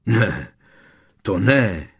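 A man's voice: mid-range voice, animated, breathy edge, pitched above the performer's own voice. A man doing a sulky sneering teenage boy. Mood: jealous, sneering. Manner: sneering, snapping.

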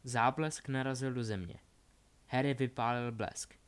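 A man reading a fantasy story aloud in a steady, plain narrating voice. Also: medium pitch, clean tone.

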